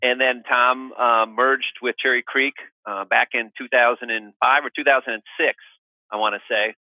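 A man's voice: mid-range voice, steady tone, normal speed, dry recording. Middle-aged man on a thin phone line. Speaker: podcast guest, mortgage professional. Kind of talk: casual interview chat.

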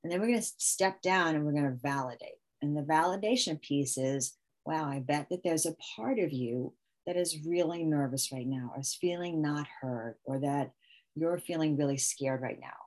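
Lower-voiced woman explaining parenting techniques. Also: normal speed, a little mellow. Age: adult parent. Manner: talks through ideas with many restarts and quoted one-liners. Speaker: parenting expert guest. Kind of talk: conversational explanation with acted example phrases.

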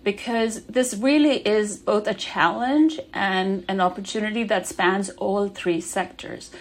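A woman from Denmark, a podcast guest, explaining her work in a measured, explanatory way. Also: mid-range voice, fairly even intonation. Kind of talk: podcast interview.

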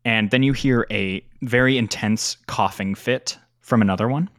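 A man narrating a tabletop game as game master, describing scenes in an unhurried way. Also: lowish voice, a bit bright, no echo, clean studio sound.

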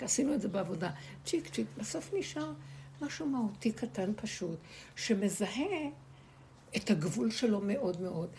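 A woman gives a spiritual teaching to a small group in a gravelly, creaky voice. She speaks emphatically, repeating key words and pressing her listeners with rhetorical questions. A faint hiss of noise runs beneath her. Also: medium pitch, a little mellow.

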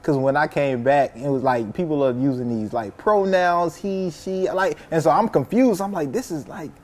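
A man's voice: a little high, moderate pace. A man hosting a podcast, talking in a loose, chatty way, full of fillers and restarts. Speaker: podcast host. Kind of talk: casual interview chat.

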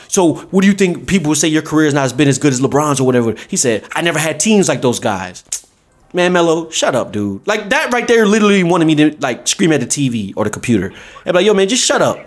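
A man hosting a podcast, talking sports in a blunt, animated casual chat. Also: on the high side, fast. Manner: animated, blunt, calls listener "dog" and "man". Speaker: podcast host.

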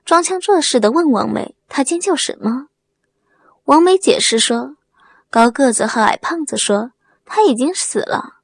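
A woman tells a serialized story in a steady, even-paced reading voice. Her tone is slightly husky and sits a bit high. The recording is dry and close, with no room sound. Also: no echo. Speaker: narrator. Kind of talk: storytelling audiobook narration.

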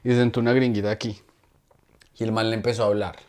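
A man's voice: on the low side, level tone, fast talker, a little mellow. Rambling chatty man. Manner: rambling, self-correcting, chatty. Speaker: podcast co-host. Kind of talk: casual comedy chat. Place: podcast studio.

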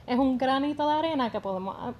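A woman answers conversationally in an interview. Her voice is fairly high, with faint noise in the recording. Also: fast, lo-fi sound. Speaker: pageant contestant interviewee.

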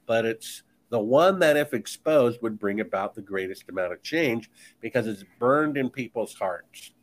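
A man speaking as a guest author in a podcast conversation, talking in an emphatic, insistent, preachy way. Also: lowish voice.

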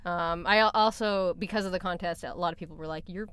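A woman's voice: fairly low pitch, quick pace, a bit bright, smooth. Woman chatting on a podcast. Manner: chatty, frequent restarts and laughs. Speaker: podcast co-host. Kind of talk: casual podcast chat. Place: library recording room. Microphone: studio microphone.

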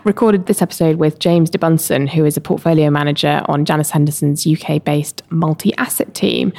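A woman's voice: lowish voice, creaky, darkish tone. A woman hosting a podcast in a casual, chatty and self-deprecating way. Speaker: podcast host.

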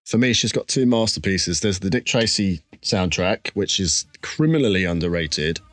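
A man with an Essex accent speaks in a fairly deep voice, as if chatting in an interview. He is candid and self-deprecating, thinking aloud as he goes. The sound is very dry, with no room to it. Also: expressive, moderate pace, a bit bright, dry recording. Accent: Essex English. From Essex, England. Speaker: interview guest, musician. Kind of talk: casual reflective interview chat.

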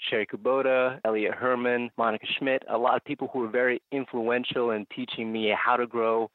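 Heard over a tinny phone line with no room sound, a young man with a fairly low voice answers casual podcast interview questions. He's an urban farmer from Phoenix, Arizona, and tells his story with eager, upbeat energy.

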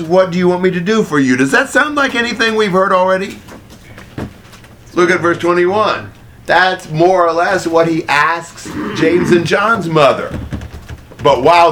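A man leading a group Bible study, explaining a passage in a relaxed way and asking the group questions. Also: fairly high pitch, slight background noise. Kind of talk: conversational group Bible teaching.

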